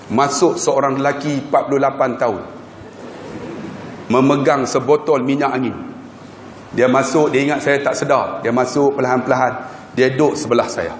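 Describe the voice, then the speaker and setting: A man, preaching a storytelling sermon and acting out voices, swinging from loud to hushed. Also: medium pitch, steady tone, normal speed, pauses often, slight background noise. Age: 40s. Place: mosque hall. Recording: echoey mosque hall.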